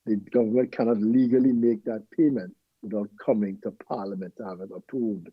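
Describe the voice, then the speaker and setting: A man's voice: lowish voice, steady tone, a little fast, husky, no echo, narrow, tinny audio. A man with a Trinidadian accent, a guest on a call-in talk show, speaking emphatically and often tagging "right?".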